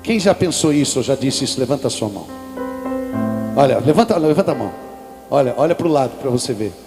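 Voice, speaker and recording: Brazilian preacher in a reverberant hall. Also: male voice, medium pitch, expressive, quick pace, gravelly. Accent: Brazilian Portuguese. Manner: storytelling, addresses the congregation directly. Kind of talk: sermon. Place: large hall at a religious event. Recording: live hall reverb with music behind.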